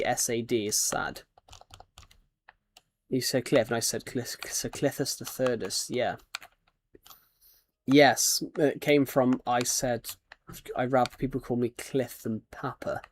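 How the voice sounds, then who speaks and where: Streaming a game, a British man keeps up a rambling, casual chat and reads out the names and comments of viewers. He speaks in a mid-range voice over a faint hiss or hum.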